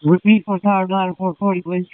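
A man's voice: high-pitched, level tone, fairly quick, dry recording. A male firefighter giving urgent fireground reports over a two-way radio. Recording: muffled phone-like radio, distant.

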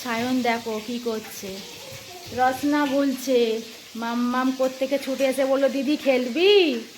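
Young woman vlogging at home on her phone, chatty, kinda high voice, noisy house behind her. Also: steady tone, measured pace. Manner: chatty, addresses viewers directly, scolds kids loudly. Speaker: family vlogger. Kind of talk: casual home vlog chat. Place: family home and kitchen.

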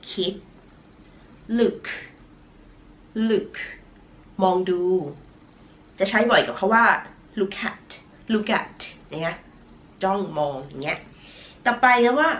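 In a recorded online lesson, a woman from Thailand teaches English verbs, patiently stretching out the pronunciations she models. Her voice is nasal, a trait she feels self-conscious about, on the low side and fairly bright in tone. A little hiss or hum runs underneath.

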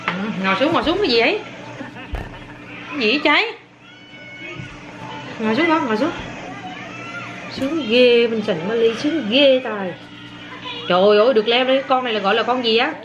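A woman's voice: a little high, a little fast, pauses often, dull audio, music in the background, crowd noise. Mother coaxing her toddler. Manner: coaxing, repeats words to prompt the child. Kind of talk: casual family vlog chat. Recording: noisy home video recording.

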